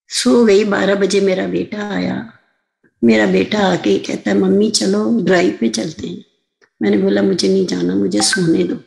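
Older woman, devotional storyteller on a video call, gravelly texture, earnest delivery. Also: mid-range voice, a little mellow, poor audio. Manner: earnest, addresses the listeners as sangat ji again and again. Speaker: satsang speaker.

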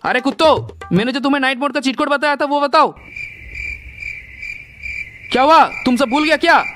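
A man doing a high-pitched boastful game hero. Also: normal speed, bright, forceful tone. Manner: bragging then panicky, yelps in alarm. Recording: background music.

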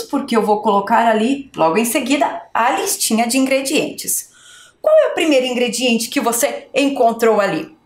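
A woman teacher slowly sounding out syllables and letters for young children in a spelling lesson. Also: on the high side. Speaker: schoolteacher. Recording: echoey room.

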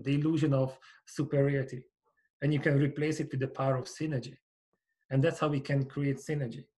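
A man's voice: fairly high pitch, darkish tone. Hungarian-accented man on a headset mic. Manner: earnest, measured, explanatory. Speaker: company founder, guest. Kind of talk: podcast interview over video call. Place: small home office with bookshelves. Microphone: over-ear headset with boom mic.

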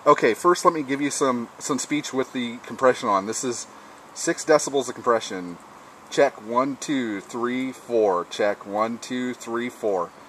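Sitting at a patio table beside a lawn, a man tests his amateur radio rig and chats casually. His medium-pitched voice is fairly bright and a little slow. The low-quality outdoor recording carries faint background noise.

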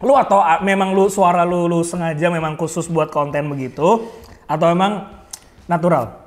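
A man's voice: high voice, fairly even intonation, normal speed. A young man with hosting a mukbang, chatty and promotional as he talks to his audience and his guest. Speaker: mukbang host. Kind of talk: casual chat while eating.

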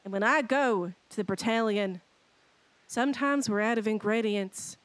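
A woman's voice: on the high side, moderate pace, no echo, rough recording. A young woman giving a theatrical, mock-passionate dramatic read of lyrics in a roleplay game, close on the mic. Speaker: GTA roleplay streamer in character.

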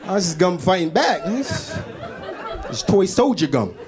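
A man from the Bronx, doing a stand-up set in an animated, exclamatory way full of street slang. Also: high voice, a little slow, crowd noise. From the Bronx, New York. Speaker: stand-up comedian. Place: stage before a live audience. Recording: live stage with audience laughter.

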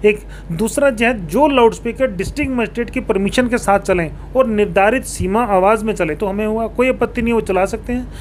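On a sofa in a small indoor office, a man being interviewed as a local politician explains things formally and drops in English terms. His high voice moves fairly quickly with few pauses. The handheld reporter mic held toward him clearly picks up background room noise.

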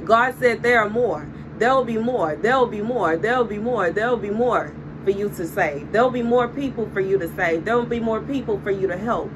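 A prophetic video host in her thirties, with a Southern US accent, shares an informal prophetic message at home, framed against window blinds by a desk-mounted phone camera. Her slightly high voice is emphatic and repetitive as she gestures animatedly, and room noise is clearly audible behind her.

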